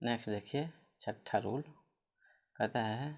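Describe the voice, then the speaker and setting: A man's voice: mid-range voice, slow, darkish tone. A man teaching English spelling and pronunciation rules, asking questions and answering them himself while spelling words out letter by letter.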